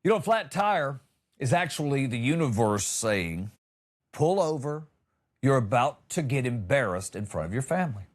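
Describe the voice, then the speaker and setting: With a sing-song, medium-pitched voice at a moderate pace, a middle-aged American man riffs through a comedic monologue on the news for his podcast, wry and exaggerating as he acts out lines.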